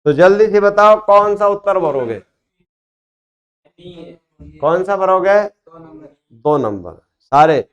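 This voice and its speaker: A man's voice: high voice, animated, slow pace, pauses often. A man teaching a class, prompting students with questions in a classroom. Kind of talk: classroom grammar lesson.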